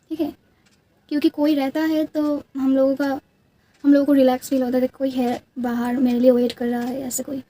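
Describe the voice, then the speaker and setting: A woman's voice: sits high, mellow. A young woman with a Bengali accent, a native Bengali speaker, telling childhood stories in casual chat while doing her makeup, rambling with many restarts. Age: young adult. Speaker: beauty vlogger.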